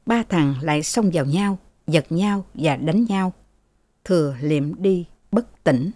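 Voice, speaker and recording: A woman narrating a novel for a radio story program, steady and measured, close to a studio mic. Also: lowish voice, dry recording. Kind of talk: audiobook narration.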